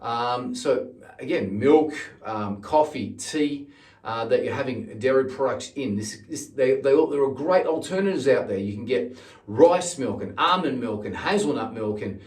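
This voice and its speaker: Talking to camera informally, a middle-aged man who teaches singing and hosts the channel explains his points with emphasis on key words and lots of repetition. He sounds expressive and unhurried at a medium pitch with a darkish tone, recorded from a distance in an echoey room.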